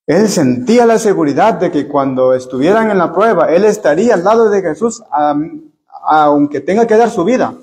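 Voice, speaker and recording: A man's voice: fairly high pitch, expressive, moderate pace, darkish tone. A man leading a church Bible study sermon, earnestly addressing his listeners as brothers and often repeating words as he searches for phrasing.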